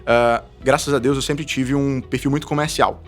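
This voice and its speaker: Here a Brazilian investment advisor from Salvador shares his story as a guest in a relaxed podcast interview. His mid-range voice moves fast and lively, broken by frequent laughs, over soft background music.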